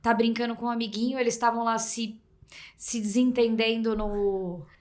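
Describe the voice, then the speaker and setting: A woman with a Brazilian Portuguese accent hosting a podcast, telling stories in an animated way, acting out her child's replies, often restarting her sentences. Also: a little high, normal speed. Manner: rambling with frequent restarts. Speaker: podcast host. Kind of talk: casual interview chat.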